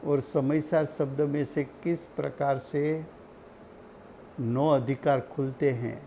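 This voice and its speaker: Man, scripture teacher, gravelly voice, mellow tone, slow and deliberate, faint hiss behind. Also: mid-range voice, steady tone. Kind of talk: religious study lecture.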